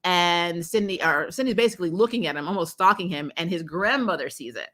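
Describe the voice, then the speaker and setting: The host of a TV episode review show, a woman with a somewhat low voice and a bright, forceful edge, talks fairly quickly in an off-the-cuff review. Her speech is informal and slangy, full of "like" and "you know," and she's animated, exclaiming, laughing often, and acting out reactions as she retells scenes.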